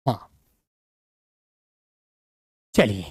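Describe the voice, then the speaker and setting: Male tutor, sore hoarse throat, calm and fond with students, dry close sound. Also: dry recording. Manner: calm, unhurried, affectionate to students. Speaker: teacher. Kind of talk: online exam-prep class.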